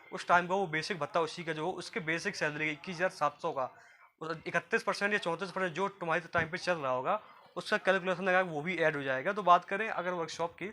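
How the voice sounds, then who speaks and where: A man's voice: fairly high pitch, pushed and bright, slight background noise. A man from gives an informal, repetitive explainer to viewers as a job guidance presenter. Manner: repetitive, explanatory, often addressing listeners as friends.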